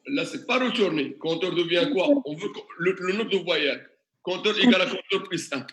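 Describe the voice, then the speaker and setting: A man's voice: sits high, lively intonation, moderate pace, fairly bright tone, a little hiss or hum. A man teaching a classroom tutorial, questioning the class and working through examples step by step. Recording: echoey classroom.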